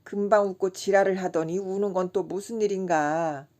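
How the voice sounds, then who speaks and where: A woman's voice: medium pitch, steady tone, normal speed, darkish tone, close to an everyday voice. A woman voicing a wary, scolding middle-aged male drinking companion in an audiobook. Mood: skeptical. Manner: scolding, skeptical.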